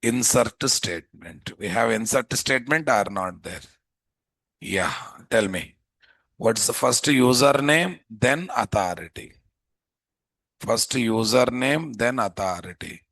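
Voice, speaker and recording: A man with a Telugu Indian accent teaching a live software class, informally thinking aloud and repeatedly putting questions to students. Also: mid-range voice, animated, slow pace, creaky, no room sound. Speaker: programming instructor.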